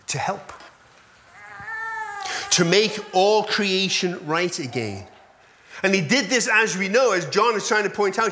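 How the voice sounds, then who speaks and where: A man preaching a sermon. He repeats phrases for stress and lets his voice drop low at the ends of lines. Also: pushed and bright, a little hiss or hum. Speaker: pastor.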